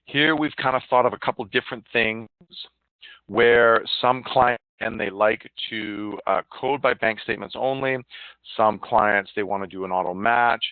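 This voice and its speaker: A man with a fairly low voice guides listeners through a live online software demo, explaining things informally and haltingly. Heard over a phone or web conference call, his audio is thin and narrow like a phone line, with no room sound at all.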